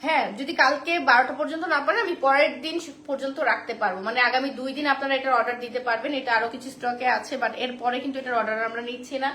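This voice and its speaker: High-voiced woman selling on a live stream. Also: steady tone, racing, hardly any pauses, sharp tone. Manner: chatty, repeats prices and offers. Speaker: online shop seller. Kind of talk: live-stream sales pitch. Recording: roomy echo, faint background noise.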